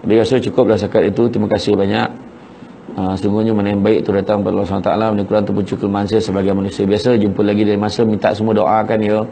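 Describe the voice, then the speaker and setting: A man's voice: lowish voice, flat delivery, rapid-fire, creaky, warm tone, a little hiss or hum. A man with a Malaysian Malay accent, a religious teacher giving a morning lecture to a congregation. He tells stories in a conversational way and keeps asking his listeners to agree. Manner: conversational storytelling, asks listeners "kan?" often.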